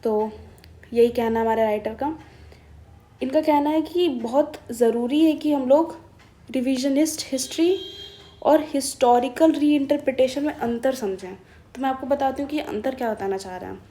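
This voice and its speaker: A woman from India walks exam students through a newspaper. Her voice sits a little high, with a soft, mellow tone. She chats her way through each point, slipping into English phrases and pausing to search for the right word. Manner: chatty and explanatory, mixing in English phrases; thinks aloud with hesitations and self-corrections. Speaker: current-affairs teacher.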